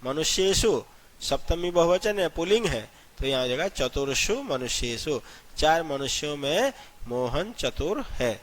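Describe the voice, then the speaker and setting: Higher-voiced man teaching a grammar lesson. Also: expressive, a little slow. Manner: explains in Hindi, recites long lists of number words; addresses students as children. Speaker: Sanskrit teacher. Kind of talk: classroom-style grammar lesson.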